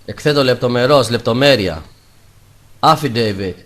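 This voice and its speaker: A man teaching English vocabulary, saying each English word louder and slower before its translation. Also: medium pitch. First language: Greek. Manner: says English words louder and slower, then Greek translations. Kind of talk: vocabulary lesson.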